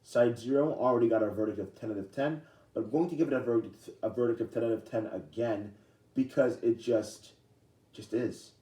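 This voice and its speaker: A young man vlogging in a casual, rambling way, halting often with fillers and restarts. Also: medium pitch, mellow. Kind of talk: casual talk to camera. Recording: echoey room, distant from mic.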